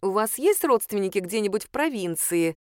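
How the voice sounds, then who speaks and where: A woman reader voicing a shrewd middle-aged female sleuth, who talks in a low, hushed and persuasive way. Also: sing-song, normal speed, no echo, clean studio sound, lightly acted. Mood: conspiratorial.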